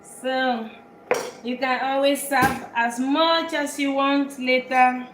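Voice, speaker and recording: A woman's voice: sits high, fairly even intonation, slow, roomy sound, background noise. A woman from Belgium hosting a live cooking show, chatting and explaining each step as she works in her kitchen. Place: home kitchen.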